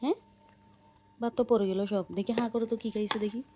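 A young mother in a home video, coaxing her toddler to eat with sing-song, gently scolding baby talk. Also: fairly high pitch, steady tone, fairly quick, faint music behind.

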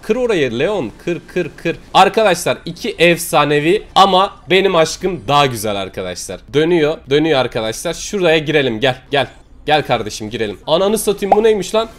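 A young male gaming YouTuber gives lively commentary on his match. His voice sits high, and he yelps, curses and cheers as the play turns. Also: brisk. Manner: loud, excitable, yelps and swears during play. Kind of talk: excited gameplay commentary.

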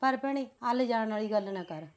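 A woman's voice: a little high, a little fast, close to an everyday voice. A woman playing a scheming daughter-in-law who sweet-talks her husband's family. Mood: placating. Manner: placating, sweet-talking.

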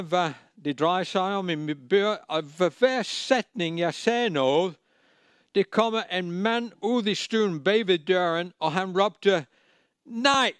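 High-voiced preacher man, emphatic. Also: clear, resonant tone, dry recording. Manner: emphatic, repeats key phrases, plain and direct. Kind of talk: sermon.

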